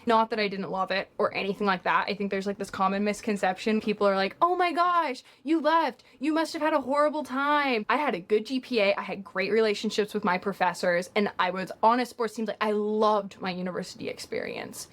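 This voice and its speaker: This Kentucky woman in her twenties has a medium-pitched, fairly bright voice and talks briskly with few pauses. A university student in a relaxed interview, she gives long explanations peppered with "like" and "um."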